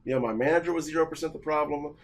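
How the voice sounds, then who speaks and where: A man who works as an office analyst, telling a personal work story in an agitated, halting way with many restarts. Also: fairly high pitch.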